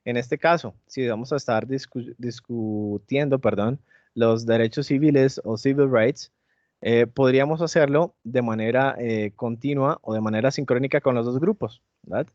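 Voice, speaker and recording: A man walks teachers through lesson planning in an online session, speaking at a moderate mid pitch with frequent pauses and filler sounds. His voice comes through a dry, somewhat dull lo-fi microphone. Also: a little mellow, dry recording. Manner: hesitant, many fillers and tag questions. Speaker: teacher trainer. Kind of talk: online teacher training presentation.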